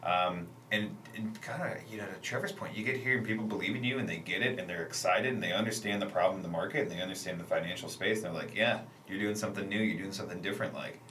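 A man's voice: low voice, fast talker, few pauses, pushed and bright. A man speaking as a startup founder on a casual panel, loose and conversational, peppering his talk with filler phrases. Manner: loose, conversational, leans on 'you know' and 'like'. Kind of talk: casual panel interview answers. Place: echoey room, radio show recording. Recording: echoey room, distant mic, slight noise.

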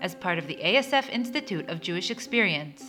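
A woman co-hosting a podcast, reading a scripted intro in an expressive, announcer-like way. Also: on the low side, fairly quick, over music. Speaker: co-host.

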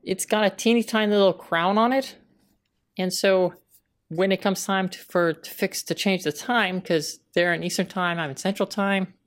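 A woman talking in casual conversation, hesitant and halting, with many restarts. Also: medium pitch, fairly even intonation. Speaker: guest.

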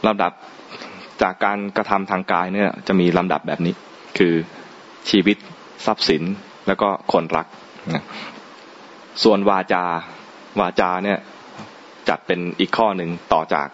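Male monk, chatty teaching sermon with audience questions; low voice, muffled recording with faint hiss. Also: steady tone, a little slow, long pauses. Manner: conversational, asks the audience questions, chuckles often. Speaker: Buddhist monk teaching dhamma. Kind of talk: dhamma talk to a live audience. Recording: dull lo-fi recording, faint ambience.

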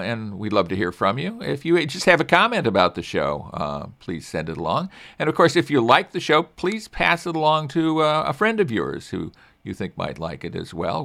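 An older man hosts a car talk show in a relaxed, chatty way. He restarts his sentences often and pokes fun at himself. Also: mid-range voice, gravelly. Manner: chatty, self-deprecating, many restarts. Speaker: radio show host. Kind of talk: casual car-review talk.

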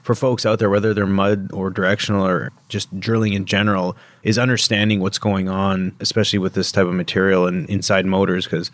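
A man's voice: low voice, little pitch movement, brisk, hardly any pauses, no room sound. A man hosting a podcast in an informal, conversational style. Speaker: podcast host. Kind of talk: casual conversation.

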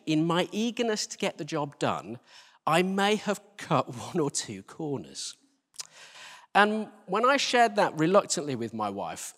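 A middle-aged man who leads a church team preaches a sermon built on personal anecdotes, talking in a conversational, self-deprecating way. His voice is high-pitched and a little bright. It was recorded live in a reverberant church hall.

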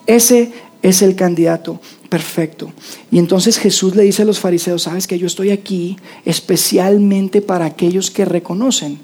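Una predicadora con acento mexicano da un sermón en tono conversacional e imita las voces de los personajes bíblicos. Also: female voice, lowish voice, steady tone, moderate pace, dark tone, husky. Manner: conversational, acts out voices of biblical figures. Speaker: preacher. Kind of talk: sermon.

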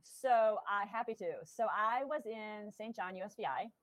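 A woman medium telling stories in casual chat, animated and acting out voices with laughter. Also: mid-range voice, normal speed, dry recording, rough recording. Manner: lively, animated, acts out quotes with laughter. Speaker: guest medium.

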